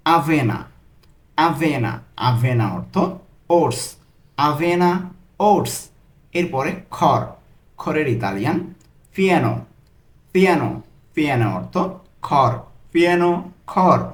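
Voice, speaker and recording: A man with a somewhat high voice leads a slow vocabulary drill, stretching out each foreign word and repeating it with its meaning. He speaks at a very unhurried pace, like a patient tutor. The recording has a noticeable echo from the room. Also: a bit bright. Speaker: language tutor.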